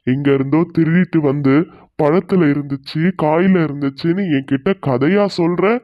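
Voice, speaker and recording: Man doing a strict accusing village headman in a cartoon, a bit high, muffled and dry. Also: moderate pace, dry recording, lightly acted. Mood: stern. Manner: stern, accusing. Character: stern male village headman.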